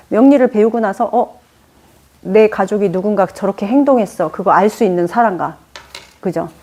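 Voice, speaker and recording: A woman lectures her class on fortune-telling in a loose, conversational way. Her voice is warm and mellow at an ordinary pitch, and she brings her stories to life with acted-out quotes. She keeps the room involved by asking the students questions. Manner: lively storytelling with acted-out quotes; chatty, poses questions to the class. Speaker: teacher of Korean fortune-telling.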